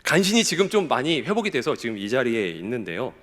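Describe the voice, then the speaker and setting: A male pastor giving a sermon, questioning his congregation in an emphatic way and sounding slightly hoarse. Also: medium pitch, sing-song, fast, a bit bright, long reverb tail. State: hoarse, recovering from illness. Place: church sanctuary.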